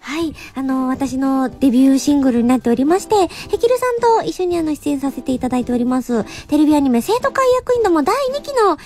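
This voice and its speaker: A woman guest speaks on a radio show in a very high, quick voice. She is polite and apologetic and giggles often. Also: lively intonation, a little mellow. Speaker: guest singer. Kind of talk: casual radio chat.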